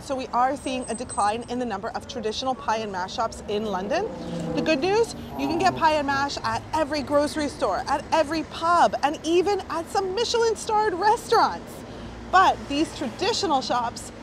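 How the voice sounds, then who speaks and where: A woman guiding a food tour, talking in a chatty, enthusiastic way. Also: sits high. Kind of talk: guided food vlog. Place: outdoors and inside small food shops. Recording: noisy street background.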